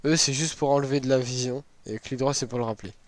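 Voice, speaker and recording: Hoarse, sick man casually presenting a game. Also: medium pitch, quick pace, a little hiss or hum. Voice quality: hoarse, worn-out voice. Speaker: gaming video host. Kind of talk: casual game item walkthrough.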